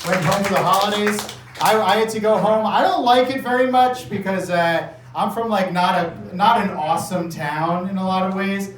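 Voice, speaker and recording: Male stand-up comic, nervous, sweaty, filler-heavy, fairly high voice, distant mic, very echoey club room, audible room noise. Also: fairly even intonation, normal speed. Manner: rambling, profane, filler-heavy. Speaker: stand-up comedian. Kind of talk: stand-up set. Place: small comedy bar room. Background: audience noise and laughter.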